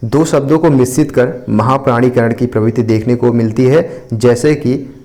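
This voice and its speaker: A man's voice: medium pitch, normal speed, mellow. A man, explaining and revising an exam answer in a repetitive teaching manner. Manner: explanatory, repeats points with frequent "ठीक है".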